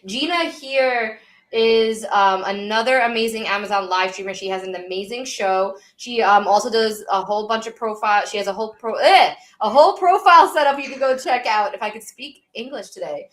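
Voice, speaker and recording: Co-hosting a live podcast, this Long Island woman in her thirties is an animated storyteller who performs the quotes in her casual anecdotes. She speaks a little fast, with a fairly high pitch.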